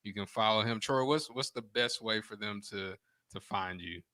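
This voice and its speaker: A man's voice: on the low side, normal speed, pushed and bright. A man hosting an interview, upbeat and joking, praising his guest as he wraps up. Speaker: interview host. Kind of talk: casual interview chat.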